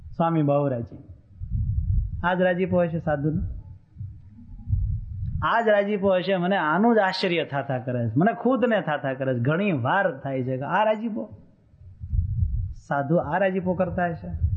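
Male monk preacher, folksy teasing sermon, higher voice, tinny phone-line audio. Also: lively intonation, unhurried, long pauses. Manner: colloquial, teasing storyteller.

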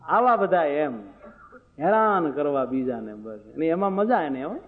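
A man's voice: a little high, expressive, unhurried. A man, giving a moral sermon full of folk anecdotes and rhetorical questions to his listeners. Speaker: preacher. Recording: phone-like sound, long hall reverb.

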